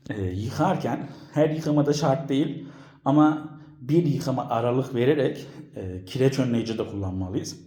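A man's voice: medium pitch, a little mellow. A man casually demonstrating a household appliance at home, explaining step by step with many hesitation fillers, his voice echoing around a bare room with no carpets.

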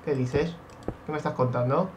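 A young man from Spain with a Spanish accent, giving excitable Minecraft let's play commentary, swearing and shouting when startled. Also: on the high side, moderate pace, background noise. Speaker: gaming youtuber.

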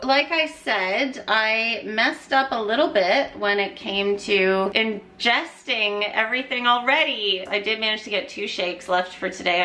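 A woman's voice: mid-range voice, pushed and bright. A woman who works in nutrition, chatting casually and upbeat to her vlog audience. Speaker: nutrition vlogger.

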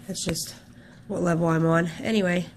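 A woman's voice: lowish voice, flat delivery, moderate pace, creaky, slight background noise. A woman giving a casual hospital video update, stuffed up and short of breath, talking in a tired, rambling way. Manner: rambling, tired, matter-of-fact. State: stuffed up, congested nose. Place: hospital room.

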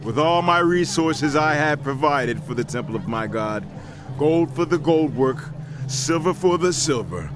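Devout, slow-speaking King David. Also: mid-range voice. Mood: solemn, earnest. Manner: solemn, fervent, deliberate declaiming. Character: King David, devout male ruler addressing his people and God. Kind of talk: dramatized scripture audiobook acting. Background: music.

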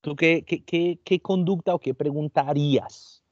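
A man's voice: on the high side, steady tone, normal speed, darkish tone, dry recording. A man teaching an online medical class, asking his students questions and repeating phrases for emphasis. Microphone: computer mic on a video call. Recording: dull, lo-fi video call audio.

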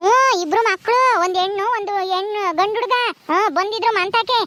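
A woman's voice: very high voice, brisk, a bit bright, a little hiss or hum. A woman voicing a young village servant girl who patiently explains things.

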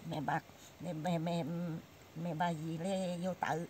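A woman's voice: fairly low pitch, little pitch movement, slow, darkish tone, breathy edge. An elderly woman with a Cao Bang accent and an old woman's voice, chatting and telling stories casually as she is interviewed outdoors. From Cao Bang, northern Vietnam. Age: elderly, 70s or older. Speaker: villager being interviewed. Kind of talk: animated casual storytelling in conversation. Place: outdoors on a village dirt road, squatting by a rock. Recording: faint outdoor ambient noise.

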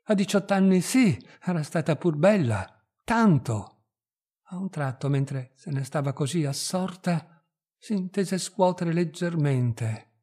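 A man reading a literary short story aloud in a measured, expressive narrating manner. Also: a little high, breathy edge. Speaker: reader.

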